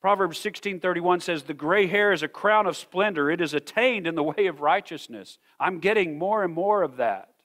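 A man's voice: sits high, expressive. A middle-aged man preaching a sermon in a church, emphatic and earnest, repeating words as he builds a point. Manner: slows to a soft, measured pace for scripture reading. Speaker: senior pastor. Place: church sanctuary.

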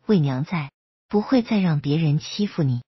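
A woman's voice: sits low, lively intonation, normal speed, slightly rough, dry recording, highs cut off, exaggerated voice. A woman voicing a cold, defiant middle-aged mother in a storybook reading, speaking in a mocking tone.

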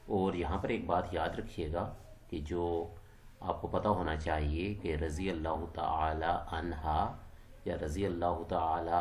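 A man's voice: sits low, roomy sound. A man teaching an exam-prep English lesson, mixing English terms into his explanations and asking and answering his own questions.

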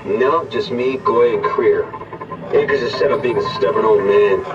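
An actor playing a matter-of-fact male crewman calling in by radio in a video game, brisk and plain-spoken. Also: medium pitch. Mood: businesslike. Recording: distant, noisy, dull radio transmission.

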